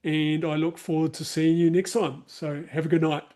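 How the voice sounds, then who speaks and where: A man with a New Zealand accent closes a live online workshop with casual remarks over a video call mic, chatting with many fillers and restarts. His voice is on the high side, warm and level in tone, at a moderate pace.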